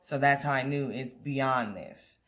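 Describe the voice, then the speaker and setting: A man's voice: mid-range voice, unhurried, a bit bright. An American man talking casually and at rambling length to viewers, venting in a storytime vlog. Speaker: vlogger. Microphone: camera on a tripod.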